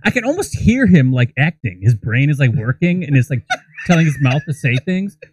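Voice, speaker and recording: An American man in his thirties, co-hosting a podcast from a small studio room, rants comically about films with crude opinions and swearing, close on his mic. He sounds very animated, with a fairly high, darkish voice at normal speed, and a little hiss or hum in the recording.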